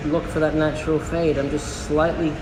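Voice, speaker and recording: A man's voice: on the high side, flat delivery, moderate pace, crowd noise. A man working as a hairdressing educator, casually chatting and joking as he demonstrates, often repeating his phrases. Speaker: hairdressing educator and salon boss. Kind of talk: casual demonstration and chat while cutting hair. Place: indoor busy hair salon. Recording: echoey room with clear background noise.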